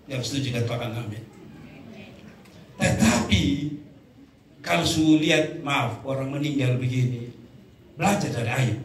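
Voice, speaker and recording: A man's voice: fairly high pitch, a bit bright, slight background noise. A male pastor with a Kupang Malay accent preaching a humorous funeral sermon, telling jokes, acting out voices and calling for amens. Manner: joking storyteller acting out quoted voices, calls for amens. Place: funeral tent. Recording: roomy sound from a distant mic.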